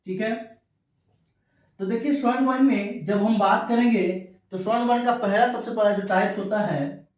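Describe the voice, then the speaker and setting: A man teaching an exam-prep grammar lesson, repeating key terms slowly and calling his students children. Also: high-pitched. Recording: very echoey room, distant from mic.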